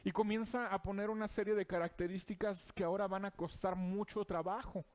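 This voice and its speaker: A man preaching in a notably high voice for a man. He addresses the listener directly, earnest and urging, with the steady flow of a sermon.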